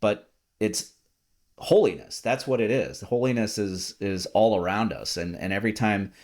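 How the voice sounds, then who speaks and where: Low-voiced rambling male podcast host. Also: normal speed. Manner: rambling, with many fillers and repeated words; relaxed and talkative. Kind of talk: casual chat.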